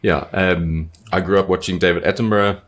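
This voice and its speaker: Deep-voiced New Zealand man, easygoing. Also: steady tone, fairly quick. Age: adult, married. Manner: easygoing, hesitant, many "um" and "yeah". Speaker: podcast co-host. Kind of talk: casual podcast chat.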